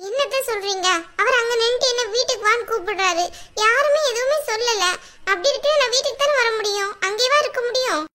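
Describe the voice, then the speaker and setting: A woman's voice: extremely high pitch, fast, bright, forceful tone. A woman acting a young wife in a family drama skit, pleading and defending herself. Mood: defensive. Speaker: actor.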